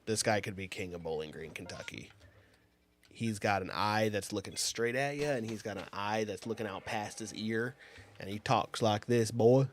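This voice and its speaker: A young man with a fairly low voice spins long, meandering, profanity-laced stories in a casual livestream chat. He leans on filler words as he goes, and a faint noise sits under his voice. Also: moderate pace, fairly bright tone. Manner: rambling profane storyteller, many fillers.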